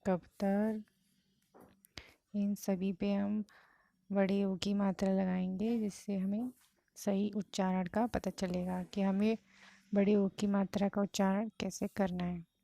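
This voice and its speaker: Woman teacher, very slow and deliberate, sounds out each word for learners. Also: mid-range voice, level tone, gravelly, dark tone, no room sound. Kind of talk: slow Hindi vowel-sign lesson.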